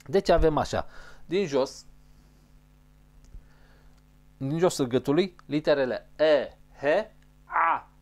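A man's voice: a little high, expressive. A man teaching a pronunciation lesson, patiently repeating each sound and carefully explaining how it is formed. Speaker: language teacher.

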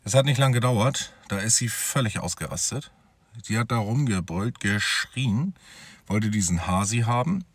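A man's voice: fairly low pitch, lively intonation, moderate pace, husky, no echo. A man telling his own story as a father in a personal vlog, talking straight to his viewers in a conversational way.

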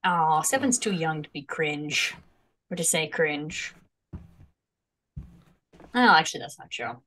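A woman player in a tabletop game, chatting quickly and joking casually. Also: sits low, lively intonation, fairly bright tone.

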